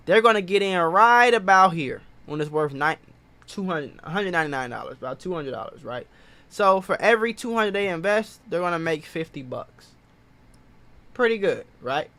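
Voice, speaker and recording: A man's voice: a little high, pushed and bright. A man hosting a casual investing explainer, talking in an emphatic, repetitive and self-assured way. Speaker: finance video host.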